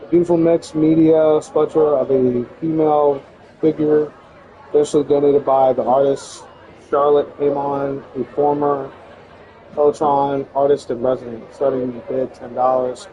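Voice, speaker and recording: A man's voice: mid-range voice, dull audio. Casual young man streaming a game. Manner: casual, halting reading with fillers, says "bro". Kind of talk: casual live game stream, reading text aloud.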